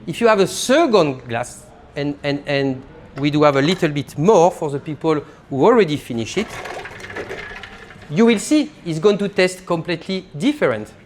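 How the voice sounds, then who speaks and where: A man, a sommelier leading a live champagne tasting class, talking in an animated way and explaining as he demonstrates, recorded in a private tasting room. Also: on the high side, normal speed, slight background noise.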